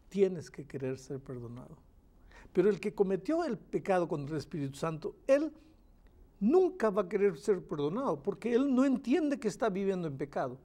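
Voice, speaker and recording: A man's voice: high-pitched, dark tone. A man teaching the Bible in a question-and-answer study, emphatic and repeating phrases for stress as he reads verses aloud.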